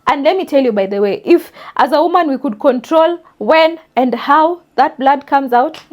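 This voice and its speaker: A woman's voice: sits high, darkish tone. A young adult woman hosting a podcast, speaking emphatically and directly to her listeners in a forthright solo monologue. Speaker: podcast host.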